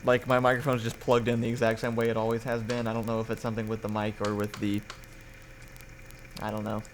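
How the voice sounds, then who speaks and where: A man's voice: fairly low pitch, completely flat delivery, fast talker. Man on a poor-quality livestream, faintly noisy. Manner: rambling, with many restarts. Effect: poor-quality livestream audio. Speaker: podcast host. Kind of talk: casual livestream chat.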